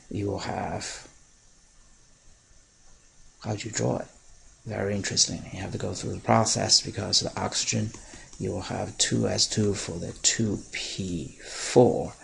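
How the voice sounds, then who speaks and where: A man teaching chemistry in a recorded lecture, explaining step by step with pauses and fillers and stressing key words. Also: fairly low pitch, a bit bright, slight background noise, rough recording. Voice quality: very gravelly and raspy.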